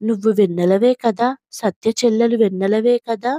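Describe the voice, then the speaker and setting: A grieving man full of sorrowful, anxious questions, as a woman reads him aloud. He speaks in a storybook tale with a mellow, slightly high voice and a dry sound. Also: fairly even intonation, normal speed, no room sound, close to an everyday voice. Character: grieving man who finds a lost friend.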